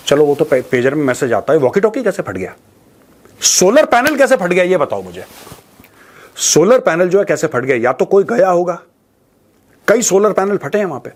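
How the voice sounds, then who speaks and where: A news commentary host, his voice on the high side, speaks to viewers about current affairs in an opinionated, informal monologue. The delivery is mocking and colloquial, with rhetorical questions, emphatic repetition of phrases, and English mixed in.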